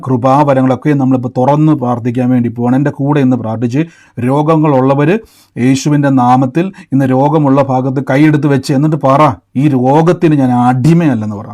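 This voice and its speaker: A man's voice: medium pitch, steady tone, quick pace, a little mellow. A man preaching a live-streamed sermon, asking emphatic questions and leading the listeners in repeated declarations. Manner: emphatic, rising questions and call-and-response.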